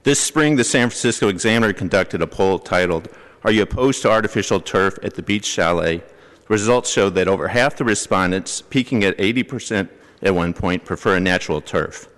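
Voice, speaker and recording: A man giving a measured, factual prepared statement during public comment at a city board meeting. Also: low voice, a bit bright. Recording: long hall reverb.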